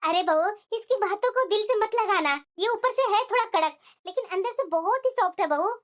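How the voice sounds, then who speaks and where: Cartoon: a protective mother-in-law, fond and reassuring, extremely high-pitched. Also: animated, brisk. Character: doting middle-aged mother-in-law, kind and protective. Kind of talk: cartoon voice acting.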